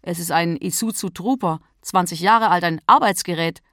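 A woman's voice: on the low side, moderate pace, a bit bright, dry recording, clean studio sound, lightly acted. A woman voicing an irritable, prickly woman driver who talks back indignantly, in a storybook reading. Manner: snappish, indignant.

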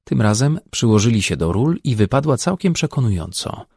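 A man narrating an audiobook in a wry, even storytelling manner. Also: mid-range voice, fairly quick, gravelly, husky, no echo, studio quality.

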